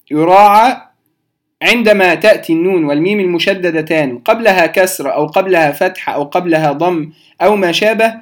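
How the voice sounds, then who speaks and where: A man with a notably high voice teaches recitation rules to beginners. He talks patiently, stops to repeat key terms slowly, and speaks straight to his listeners. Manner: addresses listeners directly.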